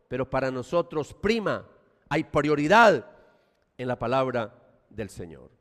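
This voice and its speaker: A man with a Colombian Paisa accent preaching a sermon as pastor, animated, with loud emphasis and quiet asides. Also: on the high side, long reverb tail.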